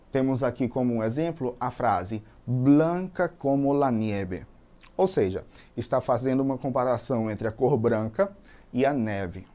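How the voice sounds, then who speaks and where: A man with a Brazilian Portuguese accent teaching a recorded language lesson, reading example sentences aloud and explaining them slowly and methodically. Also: medium pitch, mellow.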